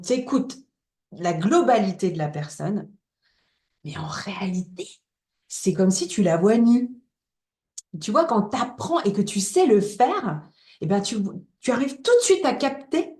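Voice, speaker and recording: Woman, coach guest, from northern France, mid-pitched, chatty and candid, roomy sound. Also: expressive, unhurried, a little mellow. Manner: chatty, candid, laughs easily. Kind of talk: casual interview chat.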